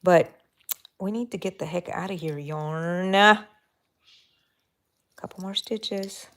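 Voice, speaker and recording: Her voice sits lowish and a little mellow, and she takes her time. She's a Texan crochet host streaming live and casually from her bedroom at home, chatting, musing aloud as she stitches and addressing her yarn.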